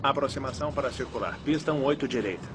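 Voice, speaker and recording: An actor playing a calm airline pilot in a dubbed documentary reenactment, reading back clearances in short, procedural radio phrases, as heard on a cockpit voice recording. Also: male voice, medium pitch, quick pace, over music. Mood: clipped. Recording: noisy cockpit recording from a distance.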